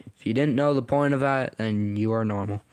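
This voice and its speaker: A man's voice: fairly low pitch, a little fast, darkish tone, clear, resonant tone, no room sound. A man reading his own story aloud in a casual way, sometimes stumbling and correcting himself.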